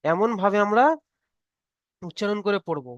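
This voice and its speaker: A man leads an online reading lesson, patiently repeating each point and asking whether everyone has understood. His voice sits high and sounds clear. The sound is dry and close to the mic. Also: normal speed, no room sound, dull audio. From Bengal. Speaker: Quran reading teacher. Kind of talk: online tutoring class.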